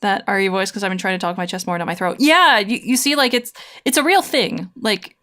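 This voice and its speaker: A woman's voice: medium pitch, brisk, sharp tone. A woman livestreaming a game, chatting casually in a slangy, rambling way as she thinks aloud and answers her viewers. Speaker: livestreamer, VTuber playing online mahjong. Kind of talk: casual livestream chat while gaming, replying to chat.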